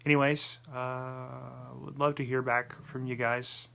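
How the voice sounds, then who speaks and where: A man's voice: mid-range voice, flat delivery, a little slow, bright, forceful tone, clear, resonant tone. A man with a lisp talking casually to the camera in a personal vlog, apologetic and self-deprecating. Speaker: vlogger.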